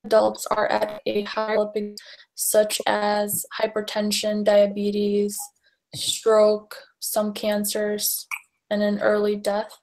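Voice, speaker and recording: A woman in her thirties reading a class presentation slowly over a video call. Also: medium pitch, creaky. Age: 30s. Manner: slow, very flat reading. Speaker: student presenter.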